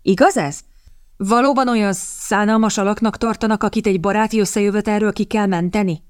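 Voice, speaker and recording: A woman voicing a naive young gentleman in an audiobook, lifting her voice into a higher, wavering register. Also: fairly even intonation, clear, resonant tone, close to an everyday voice. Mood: stubborn.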